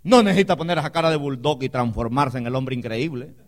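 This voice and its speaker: A man preaching a sermon, calling the congregation "hermano", swinging between loud emphatic declarations and quiet, low asides. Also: fast talker. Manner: addresses the congregation as "hermano" with call-and-response questions.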